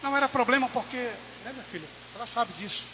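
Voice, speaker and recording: A man's voice: extremely high pitch, fast talker, noisy background. A man preaching in church, telling his own testimony with impassioned, rising delivery. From Brazil. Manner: impassioned, rising to near-shouted peaks. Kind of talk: sermon testimony.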